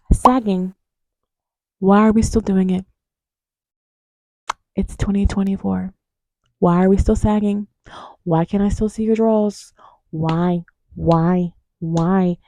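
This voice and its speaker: A young woman vlogger telling candid stories in a frank, profane way. She swings between loud outbursts and hushed, near-whispered asides. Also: medium pitch, level tone, measured pace, pauses often, no echo. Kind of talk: candid casual storytelling.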